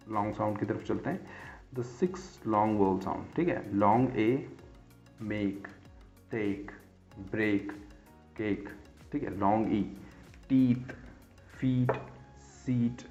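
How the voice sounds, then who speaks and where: A man teaching a lesson on vowel sounds, who keeps checking in with his students and spells example words out slowly. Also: mid-range voice, darkish tone. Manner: repeats "theek hai" as a check-in after nearly every point. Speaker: English teacher. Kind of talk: casual explanatory lesson. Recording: dull lo-fi sound.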